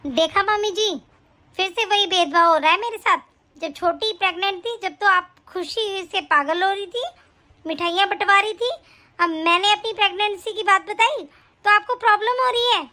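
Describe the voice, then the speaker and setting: Very high whiny elder bahu from a cartoon story, always complaining, woman voicing her. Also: normal speed, sharp tone. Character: lazy, quarrelsome elder daughter-in-law, young woman. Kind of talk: cartoon voice acting.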